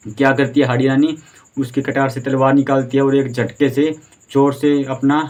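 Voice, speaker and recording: A man recounts a historical tale in the manner of a casual lesson, posing rhetorical questions and stumbling through restarts. His delivery stays flat and even, with little rise and fall. The recording sounds slightly dull and lo-fi. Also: mid-range voice. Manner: conversational retelling with rhetorical questions; fillers and restarts. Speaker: history teacher.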